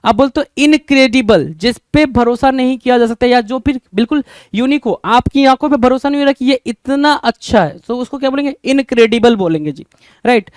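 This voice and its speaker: Mixing Hindi and English, a man with an Indian accent runs a vocabulary lesson, putting the same question to his class over and over and addressing them as brother. He speaks high, smooth and clear at a fairly quick clip, in a dry, close recording with no room echo.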